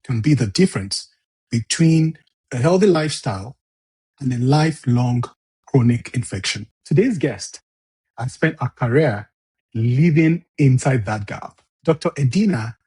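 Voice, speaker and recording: A man hosting a podcast speaks in a husky, breathy voice. His delivery is measured and deliberate, and his pitch sits in an ordinary middle range. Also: expressive, warm tone. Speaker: podcast host. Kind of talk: interview with scripted intro narration.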